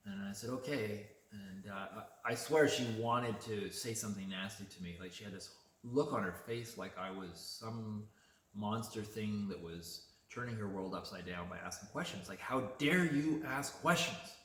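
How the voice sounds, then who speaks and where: A man vlogging, telling a story in a chatty, animated way. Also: fairly low pitch, moderate pace, roomy sound. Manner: chatty, animated retelling with laughs. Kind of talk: casual storytelling.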